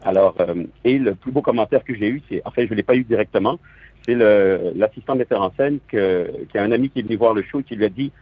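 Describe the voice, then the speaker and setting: A man's voice: on the low side, quick pace, breathy edge, dry recording. A man from southern France with a Quebec French accent, a stage actor talking as a radio guest over the phone, hesitant and reflective with many restarts. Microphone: telephone. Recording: tinny phone line.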